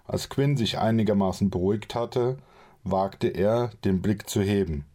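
A man reading a fantasy novel aloud as an audiobook narrator, calm and measured. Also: on the low side. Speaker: audiobook reader.

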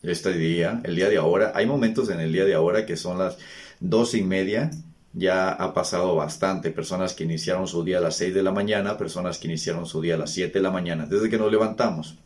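A man's voice: sits low, a little mellow. A middle-aged man hosting a reflective talk, speaking conversationally with rhetorical questions and frequent restarts. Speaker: host. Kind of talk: reflective monologue.

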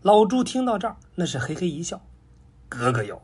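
A male storyteller with a very husky, breathy voice, narrating a comic tale in a wry, chatty tone. His pitch moves lively up and down. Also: fast.

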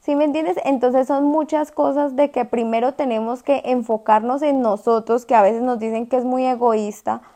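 A woman co-hosting a casual podcast chat, speaking in a measured, reflective way. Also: high voice, fairly even intonation, dark tone. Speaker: podcast co-host.

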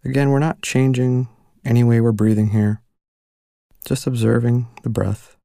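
A man leading a guided meditation in a soft, calm and unhurried way, pausing between short instructions. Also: medium pitch, gravelly, no echo, studio quality.

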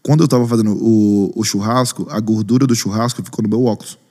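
A man's voice: on the low side, fast talker, long reverb tail. A man, a pastor and worship leader, telling a story in a podcast interview and acting out other people's lines. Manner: lively, acts out other people's lines in raised voices.

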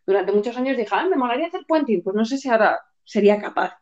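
High-voiced woman, candid chat. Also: expressive, fast talker, a little mellow, muffled recording. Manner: candid, laughing, jumps between pitches when acting things out. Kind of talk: casual chat.

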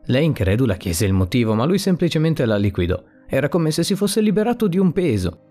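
A man's voice: on the high side, big pitch swings, fairly quick. Man narrating a story over faint music. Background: soft music.

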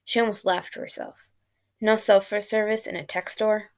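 Gravelly woman narrating a story. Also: mid-range voice, normal speed. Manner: steady reading of her own story. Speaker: podcast host and author.

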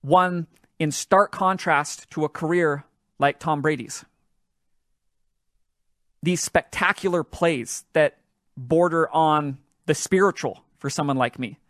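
Excitable man telling a sports story. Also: on the high side, no room sound, studio quality. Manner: animated, excitable storytelling that builds to shouting. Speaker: podcast host. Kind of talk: solo podcast storytelling about sports.

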